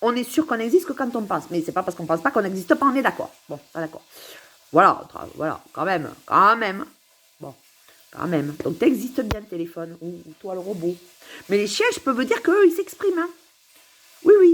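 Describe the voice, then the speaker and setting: A woman's voice: medium pitch, very animated, moderate pace, husky. A woman recording a rambling, philosophical monologue to camera at home, musing, giggling and repeating herself. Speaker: vlogger.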